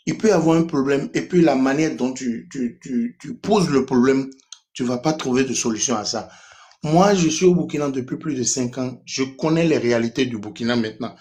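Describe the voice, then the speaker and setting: A man's voice: medium pitch, moderate pace, a little mellow. Hesitant Beninese man calling in. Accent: Beninese French. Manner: hesitant, many restarts and fillers. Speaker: caller in a live stream debate. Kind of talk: casual call-in talk.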